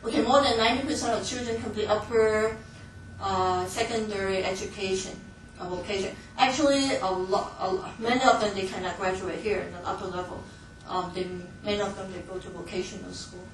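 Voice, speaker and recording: A woman's voice: mid-range voice, fairly even intonation, fairly quick. Distant echoey woman lecturing a class. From Hong Kong. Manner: chatty, laughs often, many fillers and restarts. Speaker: missions training instructor. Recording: echoey room from far off, faint noise.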